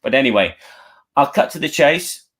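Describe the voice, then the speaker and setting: A man's voice: mid-range voice, expressive, unhurried, a bit bright. A native English-speaking man hosting a casual live stream, chatting to viewers as he introduces the show.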